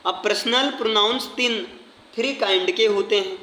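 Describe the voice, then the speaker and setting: A man's voice: sits high, moderate pace, bright, forceful tone. A man teaching an English grammar class, explaining in Hindi mixed with English, spelling words out letter by letter and checking whether the students follow. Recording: echoey classroom with faint noise.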